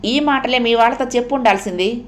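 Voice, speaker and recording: A woman's voice: fairly high pitch, fairly quick, pitched above the performer's own voice, close to an everyday voice. A woman voicing a bitter, proud rich young man who speaks coldly and scornfully in a storybook reading. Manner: cold, cutting, scornful.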